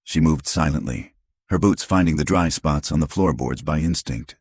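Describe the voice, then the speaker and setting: A man narrates a western audiobook in a measured, dramatic read. His voice is very deep with a husky grain. The recording is close and dry. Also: darkish tone, dry recording. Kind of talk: scripted narration.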